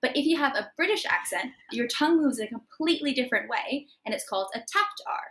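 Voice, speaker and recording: A woman co-hosting a podcast, chatting in an animated, giggly way and explaining things eagerly. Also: sits high, fast talker. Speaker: podcast co-host. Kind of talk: casual podcast chat.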